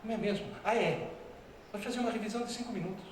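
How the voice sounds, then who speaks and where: A man giving a lively storytelling lecture at a school, acting out dialogue with different voices. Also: sits high, rapid-fire, background noise. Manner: animated, acts out dialogue with voices. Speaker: teacher giving a talk. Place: school hall. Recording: very echoey hall, speaker far from mic.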